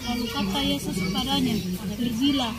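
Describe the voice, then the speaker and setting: Female scripture reader, measured, high voice, heavy music bed. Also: fairly even intonation. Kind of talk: scripted Bible reading over music.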